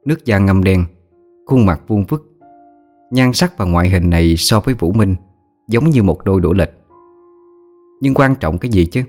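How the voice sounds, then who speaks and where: A man's voice: low-pitched, a little mellow. A man narrating a first-person story in a vivid, descriptive way.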